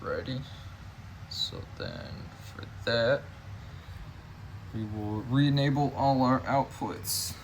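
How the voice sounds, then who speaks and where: A man's voice: mid-range voice, big pitch swings, slow pace, gravelly, long pauses, background noise. A man giving a casual hands-on demonstration, narrating each step informally as he goes. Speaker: fire alarm hobbyist demonstrator.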